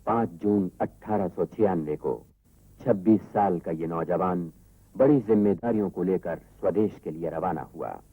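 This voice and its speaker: A man giving a measured, formal documentary narration, heard from an old worn tape recording. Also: low-pitched, breathy edge, dry recording, phone-quality sound.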